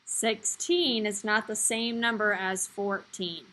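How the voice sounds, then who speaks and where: A woman's voice: mid-range voice, fairly even intonation, slow, a bit bright, poor audio. A young woman teaching young children on a video call, in an encouraging, simple kids-show-host manner with sing-out counting. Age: young adult. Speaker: primary school teacher. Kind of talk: live online lesson for young children. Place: small indoor room, video call. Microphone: computer mic on a video call.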